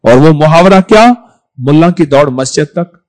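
A man delivers a sermon in a fairly high voice. He repeats phrases for emphasis, pushing some words out loudly and letting others drop low and quiet. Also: poor audio. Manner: repetitive, emphatic, swings between loud stresses and soft drops. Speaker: preacher.

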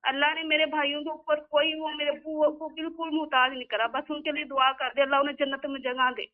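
A woman's voice: sits high, level tone, quick pace. A woman calling in over a crackly, unclear phone line, speaking earnestly and pleading, often repeating herself. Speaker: caller. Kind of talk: phone-in call to a spiritual guide.

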